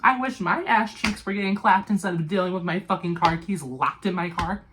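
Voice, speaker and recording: A young woman casually telling an animated, profanity-laced storytime about a bad night, full of fillers and dramatic asides. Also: fairly low pitch, fairly quick, noisy background.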